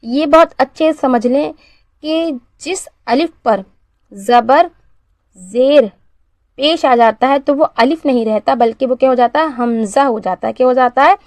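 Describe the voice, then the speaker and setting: Higher-voiced woman teaching syllable drills. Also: a little mellow, dry recording. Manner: asks questions and answers them herself, drills syllables slowly. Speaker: Quran reading teacher. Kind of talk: beginner Arabic reading lesson.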